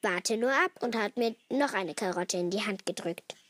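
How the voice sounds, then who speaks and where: A woman voicing an excited, curious nine-year-old girl in a spoken children's story. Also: medium pitch, moderate pace, natural voice. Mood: chatty.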